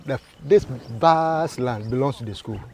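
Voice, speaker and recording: A man who owns the school, speaking slowly and deliberately outdoors on the farm. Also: mid-range voice, creaky. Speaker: school proprietor.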